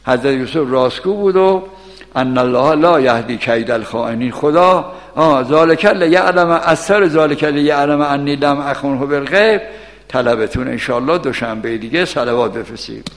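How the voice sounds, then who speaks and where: A man giving a casual sermon explaining scripture, mixing recited Arabic verses with everyday colloquial talk and asking the audience questions. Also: medium pitch. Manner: switches between Arabic verse recitation and casual street Persian; asks the audience questions and answers himself. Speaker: Quran teacher. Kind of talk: colloquial Quran exegesis sermon. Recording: long echoey hall reverb.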